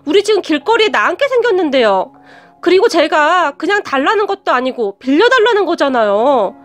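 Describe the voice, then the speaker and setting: A woman's voice: very high-pitched, lively intonation, normal speed. A woman voicing a greedy, pushy sister-in-law who whines and demands money. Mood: whining, demanding. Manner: pushy, irritated.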